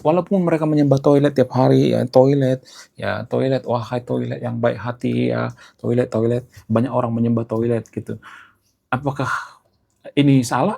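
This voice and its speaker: Gravelly man ranting casually. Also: medium pitch. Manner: opinionated, talks in long rambling lists with lively jumps. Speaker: YouTube commentator. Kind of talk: casual monologue to camera.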